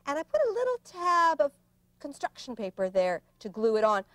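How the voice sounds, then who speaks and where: A woman hosting a children's craft show, gently explaining each step of making an animal. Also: mid-range voice, dry recording. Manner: slow, gentle step-by-step instruction.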